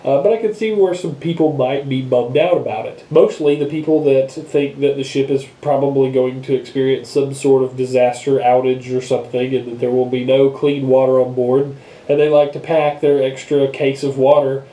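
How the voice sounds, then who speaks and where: Casual male vlogger, congested broken-nose sound, very dark mellow timbre, loose rambling delivery, roomy action-camera audio. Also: mid-range voice, steady tone, normal speed. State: congested blocked nose from being sick. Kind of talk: casual unscripted vlog talk. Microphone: action camera microphone.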